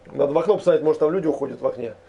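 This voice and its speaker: A man giving casual live game commentary to his viewers, excitable and complaining, with plenty of swearing. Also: fairly high pitch, rapid-fire, vocal fry, dull audio, a little hiss or hum. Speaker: game streamer.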